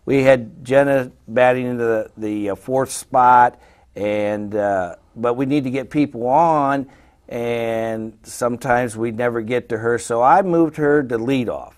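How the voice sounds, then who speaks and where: A man who coaches college softball, answering interview questions in a folksy way. He often trails off into quiet fillers. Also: mid-range voice, unhurried, clear, resonant tone.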